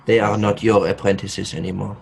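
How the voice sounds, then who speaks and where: A man voicing a solemn male elf mage who speaks gravely and slowly while explaining a ritual. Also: fairly low pitch, level tone, a little mellow, a little hiss or hum.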